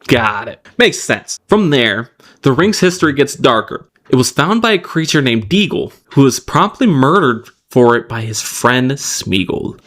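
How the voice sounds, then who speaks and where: Brief: male podcast co-host, mid-pitch, loose chat that slips into read-out recaps. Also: a little slow. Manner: relaxed, loose, with fillers and restarts between read passages. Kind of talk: casual chat mixed with reading a plot summary.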